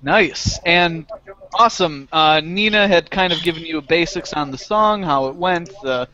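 Man, game master, relaxed with fillers, higher voice, dull lo-fi sound. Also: a little slow. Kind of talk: narrating a tabletop game. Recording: lo-fi muffled recording.

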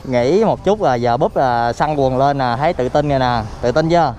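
A man's voice: medium pitch, moderate pace, a little mellow. A young man with a Southern Vietnamese accent cheering and joking as he films himself riding outdoors for his vlog. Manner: playful, cheering, laughs often. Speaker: vlogger. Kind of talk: excited casual vlog commentary. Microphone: handheld phone camera. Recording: noisy outdoor phone recording.

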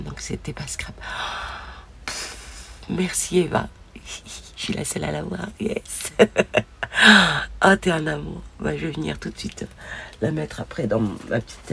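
A woman vlogger opening crafted mail, gushing over each piece and often dropping to a soft whisper. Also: low voice, vocal fry, slight background noise. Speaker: scrapbooking vlogger. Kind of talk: casual mail-opening vlog.

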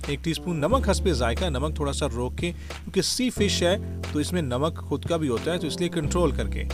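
Man narrating a recipe. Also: a little high. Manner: friendly, step-by-step, keeps saying "perfect". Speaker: cooking show host, chef. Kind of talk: voice-over recipe instruction. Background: guitar music.

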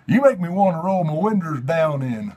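A man putting on a hammy stage actor, reciting song lyrics as a theatrical, mock dramatic reading in a husky voice. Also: fairly high pitch, expressive, darkish tone. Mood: theatrical, swooning. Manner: hammy, theatrical, drawn-out delivery. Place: small indoor room with racks of electronic equipment.

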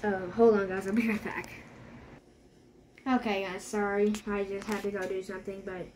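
A woman vlogging casually to camera, excitable and nervous, often dropping to a hushed voice. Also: medium pitch, moderate pace, slight background noise. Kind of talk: casual vlog chat to camera.

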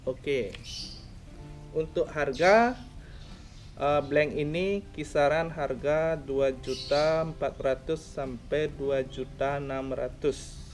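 A young man talks slowly and plainly through a fishing rod review, counting off parts as he shows them. He sits outdoors by a road with the camera close in front. Soft music plays faintly underneath. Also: fairly high pitch. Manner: plain explaining, counts and points things out. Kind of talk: casual product review. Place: outdoors by a roadside with plants.

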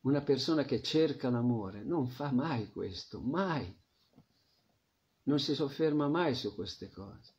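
A man teaching a devotional scripture class, reflective, often trailing off into a soft murmur. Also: mid-range voice, lively intonation, slow. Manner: reflective, drops to a soft murmur at phrase ends. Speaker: spiritual teacher. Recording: dull lo-fi recording.

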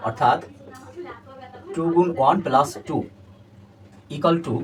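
A man's voice: a little high, unhurried. A man teaching a chemistry lesson. He talks to his students, asks them questions and drills terms by repeating them over and over. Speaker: chemistry tutor. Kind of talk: classroom lecture. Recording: distant mic with faint background noise.

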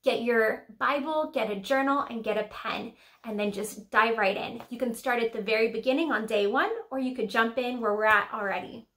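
Indoors in a small decorated room, a young adult woman with a high, slightly bright voice teaches a children's Sunday school lesson to the camera as the church teacher and host. She keeps a moderate pace with few pauses, addressing the kids in a simple, chatty way full of questions.

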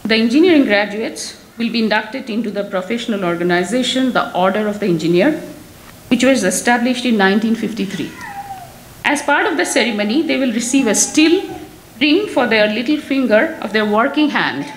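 Casting note: female emcee with a high voice, formal announcer, echoey hall sound. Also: lively intonation, a little fast, a little hiss or hum. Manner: formal, announcing names and titles. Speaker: ceremony emcee. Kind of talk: formal introductions. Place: ceremony hall.

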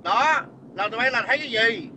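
A man's voice: very high-pitched, animated, a little fast, a little hiss or hum, poor audio. A man delivering a scornful, profane, angry rant as a livestream commenter. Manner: shouting insults, scornful and profane.

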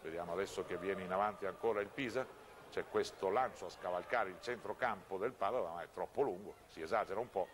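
A man's voice: sits low, fast. A man giving live television football commentary, describing the play as it runs and adding reflective asides. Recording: noisy old TV broadcast audio. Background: outdoor stadium ambience.

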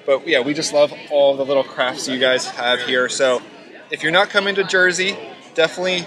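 A man's voice: fairly high pitch, brisk. A man in his thirties chatting casually to camera as a vlog host, outdoors at arm's length. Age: 30s. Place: outdoors at a fairground. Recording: outdoor fair crowd behind.

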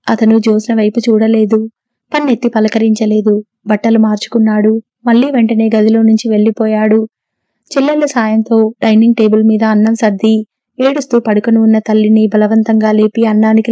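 Female audiobook narrator with a steady read, a mellow voice and a narrow range, on a muffled recording. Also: fairly high pitch, brisk, no room sound. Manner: even, steady reading. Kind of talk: scripted novel narration.

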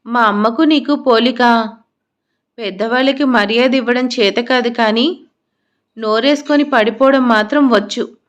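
A woman's voice: a little high, measured pace, lo-fi sound, lightly acted. Woman reading an angry young husband, cold and mocking, stern.

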